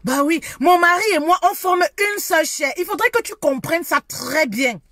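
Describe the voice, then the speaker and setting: A high-voiced woman lectures women on being a good wife, in the tone of a preacher. She hammers her points home and repeats herself, stacking up one emphatic "yes" after another. Her voice sounds close and dry, with no room around it. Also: lively intonation, moderate pace, sharp tone, no echo. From Africa. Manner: emphatic, repeats herself with many affirming "oui". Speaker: marriage advice speaker. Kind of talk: preachy advice talk to women.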